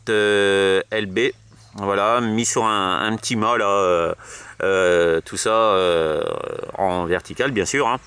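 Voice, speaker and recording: Out by a roadside, a man from France with a French accent talks about his radio operator gear in a hesitant, casual manner, frequently repeating himself. His voice is on the low side, smooth and sharp in tone, with no echo.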